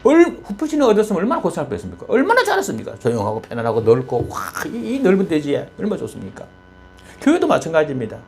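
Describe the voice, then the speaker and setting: Animated Korean-sermon pastor, male. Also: fairly high pitch, racing, faint music behind. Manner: animated storytelling, rhetorical questions.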